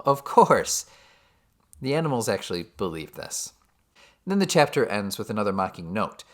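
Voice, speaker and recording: A man giving a scripted summary of a novel chapter, with dry, sardonic asides. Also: fairly low pitch. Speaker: literature teacher. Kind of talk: scripted book summary narration.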